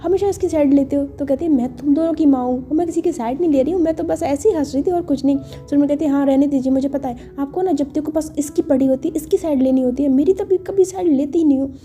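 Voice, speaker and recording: A woman's voice: high voice, fast talker, few pauses, mellow, soft background music. A woman telling a story casually, retelling each scene and voicing the characters' lines herself. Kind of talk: casual storytelling narration with voiced dialogue.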